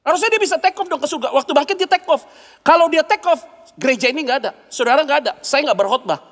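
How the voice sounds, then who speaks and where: A male pastor preaching a sermon, animated, acting out quoted voices and dropping slangy asides. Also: very high-pitched, fast, in a large hall.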